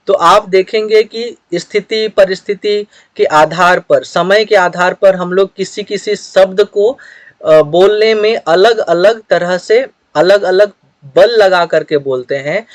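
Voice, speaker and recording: A man teaching a grammar lesson, explaining each point steadily with examples and now and then clearing his throat. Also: high voice, no room sound.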